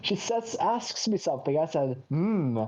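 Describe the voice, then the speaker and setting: A man's voice: a little high, animated, moderate pace, darkish tone, poor audio. A man from Sweden, telling a long anecdote in a casual chat, with self-mocking asides and quoted voices.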